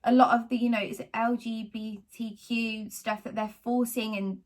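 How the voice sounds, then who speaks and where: A woman, talking casually to camera about her faith in a rambling, animated way. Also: fairly high pitch, normal speed. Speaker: vlogger sharing faith testimony.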